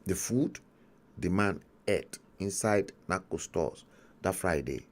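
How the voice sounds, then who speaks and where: A man with a Nigerian accent speaks slowly and deliberately, drawing out each point of his story. His low voice swings widely up and down for emphasis. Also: expressive. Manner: emphatic, slow storytelling with dramatic pauses. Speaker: talk show host. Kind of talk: livestream commentary monologue.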